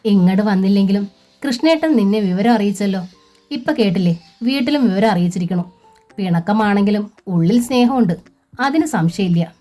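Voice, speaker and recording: A woman voicing a gentle young wife awaiting surgery, speaking softly and consolingly in a storybook reading. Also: mid-range voice, animated, moderate pace, soft background music, lightly acted.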